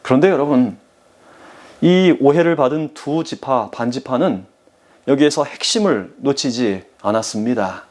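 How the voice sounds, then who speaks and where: A man's voice: mid-range voice, expressive, a little slow, a little mellow. A man giving a sermon as pastor, earnestly addressing the congregation.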